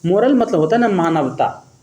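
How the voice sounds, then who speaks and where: A man's voice: sits high, animated, normal speed, warm tone, echoey room. A man teaching an exam-prep lesson, walking students through answer choices step by step, quizzing them with rhetorical questions and now and then correcting himself mid-sentence. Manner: addresses students fondly as "babu".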